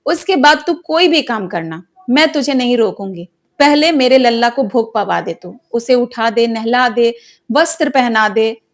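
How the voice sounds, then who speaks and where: A woman's voice: a little high, expressive, measured pace. A woman voicing a frail, devout old grandmother who wails and quavers in a storybook tale. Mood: insistent. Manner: wailing, quavering.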